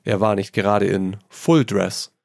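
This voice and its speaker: A man's voice: fairly low pitch, unhurried, gravelly, no room sound, studio quality. A man reading a story aloud, voicing a witty, worldly painter who teases his friend and tosses in French phrases. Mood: teasing. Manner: lively, amused, tossing in French phrases. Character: witty amused male painter, worldly and teasing.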